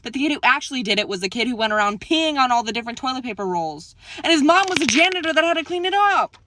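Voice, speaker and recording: Bright, fast-talking woman. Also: sits high, lively intonation. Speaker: TikTok creator. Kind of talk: casual storytelling to camera.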